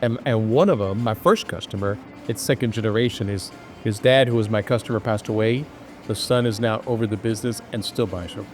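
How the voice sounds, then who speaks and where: A man's voice: fairly low pitch, fairly quick, a little mellow, faint music behind. A man in his fifties, born in Cuba, hosting an interview in a casual, jokey, storytelling way. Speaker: podcast host. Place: restaurant.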